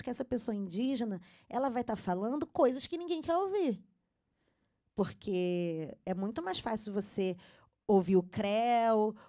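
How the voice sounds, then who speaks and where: A woman's voice: a little high, dark tone. A woman speaking as a panelist at a symposium, earnest and emphatic, with frequent fillers. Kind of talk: panel talk. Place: symposium stage.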